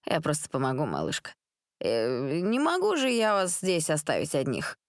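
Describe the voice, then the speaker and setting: A woman's voice: low voice, wildly swooping pitch, no room sound, studio quality, full character voice. Woman doing a drunk, smirking teen boy. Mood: mocking. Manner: slow, smirking, slurred. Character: drunk, cocky teenage boy, menacing.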